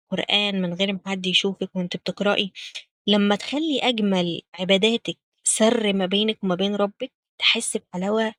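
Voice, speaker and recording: A woman with an Egyptian Arabic accent giving gentle, direct spiritual advice to young women as host of a talk series. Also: mid-range voice, no room sound. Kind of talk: spoken religious advice series.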